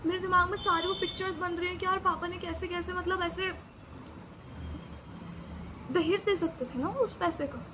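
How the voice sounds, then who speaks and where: A young woman vlogger with an extremely high, fairly evenly intoned voice tells a panicked personal story in casual chat at a moderate pace. She pauses often and dramatically re-enacts her own panicked lines, with background noise audible.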